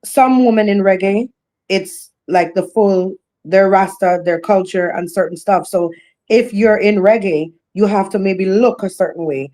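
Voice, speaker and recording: Woman, reggae singer guest, bold and animated, mid pitch, repeats herself for emphasis. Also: unhurried. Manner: bold, animated, laughs often, repeats phrases. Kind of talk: casual podcast interview.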